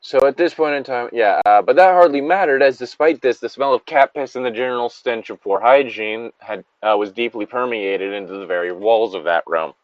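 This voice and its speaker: This co-host reads a story and comments on it casually, slipping into tangents and cursing in frustration. His medium-pitched voice runs a little fast with hardly any pauses. There's no room sound, just a dull lo-fi microphone.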